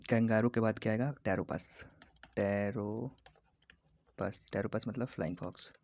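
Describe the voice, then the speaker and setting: A man teaching biology for an exam, repeating terms slowly and joking with his students. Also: on the low side, a little mellow. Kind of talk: casual exam-prep lesson. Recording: dull lo-fi recording.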